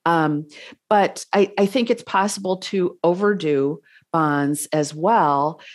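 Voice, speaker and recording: A woman with a low-pitched voice speaks as an expert guest. She explains her reasoning in a measured, conversational interview style.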